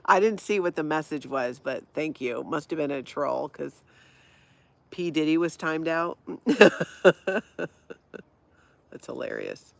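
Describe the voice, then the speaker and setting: This livestream host, a middle-aged Hawaiian woman with a light Minnesota accent, reads chat casually and laughs frequently at comments. Her low, creaky voice is very animated but unhurried, with long pauses and no echo.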